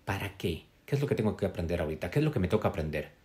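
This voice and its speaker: Low-voiced earnest man. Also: sing-song, darkish tone. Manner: earnest, searching, with many pauses and "mm?" tags. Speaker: live streamer sharing a personal story. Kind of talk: reflective personal storytelling on a live stream.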